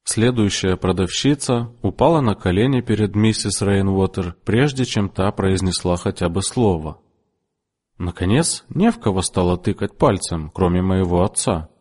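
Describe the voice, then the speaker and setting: A man narrating an audiobook in an expressive, measured storytelling manner. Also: deep voice. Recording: long room reverb.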